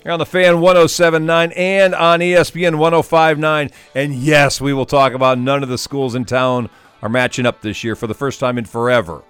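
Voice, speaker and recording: A man's voice: medium pitch, little pitch movement, a little fast, a bit bright, faint music behind. A man hosting live sports talk radio, chatting informally.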